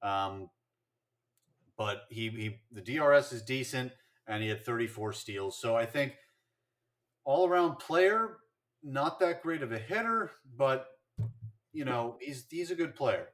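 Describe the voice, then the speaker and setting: A man's voice: medium pitch, expressive, measured pace, fairly bright tone. A man co-hosting a casual sports podcast, chatting and rattling off statistics with fillers and restarts. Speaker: podcast co-host.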